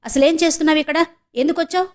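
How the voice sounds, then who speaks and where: A woman's voice: high-pitched, fairly even intonation, racing, pitched above the performer's own voice, natural voice. A woman voicing a blunt young man who scolds and fires questions at a friend in an audiobook. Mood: scolding.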